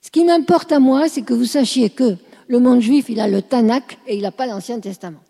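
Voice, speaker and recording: A woman lectures to a class, explaining step by step and pausing often to check that everyone follows. Her voice sits a little high but sounds mellow and slightly husky. A long reverb trails behind her in a large room. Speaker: teacher.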